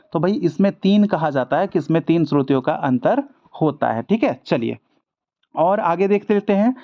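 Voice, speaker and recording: High-voiced chatty male tutor, lo-fi. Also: warm tone. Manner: chatty, addresses viewers as brother, repeats ठीक है. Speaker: online music exam tutor. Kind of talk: casual Hindi video lesson. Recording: dull lo-fi audio.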